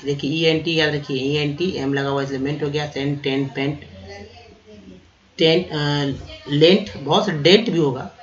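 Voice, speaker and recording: A man teaching vocabulary, spelling words out letter by letter, repeating them slowly and calling his viewers friends. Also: on the high side, fairly even intonation, dull audio. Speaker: English teacher. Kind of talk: vocabulary lesson.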